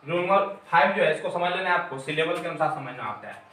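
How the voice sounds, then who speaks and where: A man's voice: fairly high pitch, animated, fast, fairly bright tone, slight background noise. A man teacher explaining a grammar lesson step by step, repeating his key terms. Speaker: English teacher. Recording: very echoey room, mic far off.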